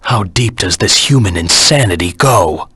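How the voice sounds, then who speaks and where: An actor voicing a brooding, vengeful anti-hero hedgehog in a video game, with a husky rasp and a grim, terse, dramatic delivery. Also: male voice, animated, normal speed, bright, forceful tone, no room sound, full character voice. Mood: grim, recounting. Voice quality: low, husky, gravelly rasp.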